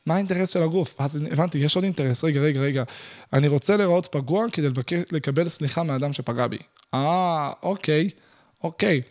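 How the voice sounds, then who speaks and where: A young man talking casually about self-help, blunt and animated, using crude slang and acting out his own inner dialogue. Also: fairly high pitch. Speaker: podcast host.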